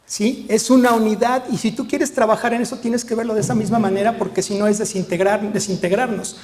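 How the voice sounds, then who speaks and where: A middle-aged man with a Mexican accent, a veterinarian telling lively anecdotes to an audience and acting out the dialogue. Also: high voice, fairly quick, long reverb tail. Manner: lively storyteller, acts out dialogue, frequent tag questions. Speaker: veterinarian giving a talk.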